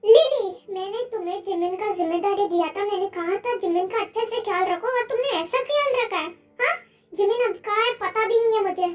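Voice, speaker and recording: A woman voicing a possessive, hot-tempered young male boss who shouts and makes demands, with faint music behind. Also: very high-pitched, a little fast. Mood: furious.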